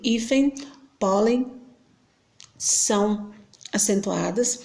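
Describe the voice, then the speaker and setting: A woman with a Brazilian Portuguese accent teaching a grammar lesson, patiently explaining and often checking in with quick questions. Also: mid-range voice, gravelly, a little mellow.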